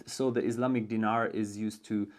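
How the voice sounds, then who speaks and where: A man's voice: fairly low pitch, level tone, moderate pace, a little mellow. A man with a German accent who grew up in Germany, hosting an educational video and explaining a book in a loose, unscripted way, thinking aloud with many ums and restarts. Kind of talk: casual spoken book explainer.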